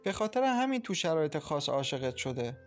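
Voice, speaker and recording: A man voicing a gentle, soothing young mother. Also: fairly high pitch, sing-song, faint music behind. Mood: teasing. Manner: soft, reassuring, teasing. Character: gentle young woman, calm loving new mother. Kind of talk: audiobook character voice.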